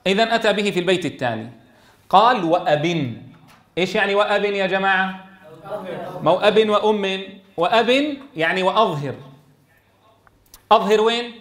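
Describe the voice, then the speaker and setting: A man teaching a Quran recitation class, calling on students by name and reciting verses slowly. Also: high voice, fairly bright tone. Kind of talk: classroom tajweed lesson.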